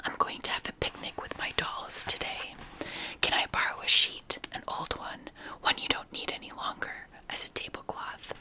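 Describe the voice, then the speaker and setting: A woman's voice: normal speed, lightly acted. A woman in whispered role-play voicing a determined, secretive young girl from a storybook, polite and matter-of-fact.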